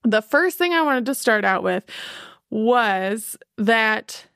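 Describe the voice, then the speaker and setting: A woman's voice: on the high side, animated, slow pace, gravelly, fairly bright tone, clean tone, dry recording, clean studio sound. A woman with a Midwestern accent hosting a casual podcast chat, talking with lots of "like" fillers and frequent laughs. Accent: Midwestern American. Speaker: podcast host.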